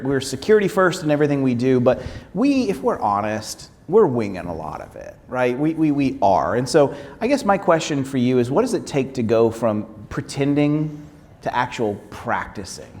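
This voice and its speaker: A man's voice: medium pitch, very animated, normal speed, a little mellow. Upbeat man moderating a conference panel. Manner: upbeat, enthusiastic, conversational. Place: conference stage with long hall reverb. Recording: reverberant conference hall.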